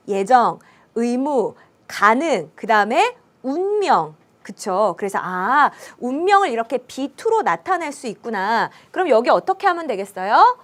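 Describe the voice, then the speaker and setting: A woman English teacher lecturing on grammar in a high, bright voice. Her pitch jumps around a lot as she throws rhetorical questions at her students and answers them herself. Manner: lively, asks rhetorical questions.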